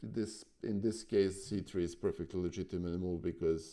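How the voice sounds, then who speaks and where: A man whose first language is Serbian thinks aloud through chess moves on a live stream, offering casual analysis that is hesitant and full of fillers. His voice sits low and dark, with fairly even intonation at a normal speed.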